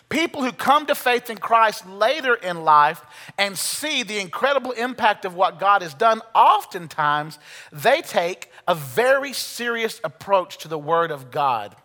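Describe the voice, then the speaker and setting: Bright, high-voiced American preacher in a hall. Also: male voice. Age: 40s. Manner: emphatic, rhetorical questions and pauses. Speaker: pastor. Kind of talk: sermon with scripture reading. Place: large reverberant room before a congregation. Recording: long hall reverb.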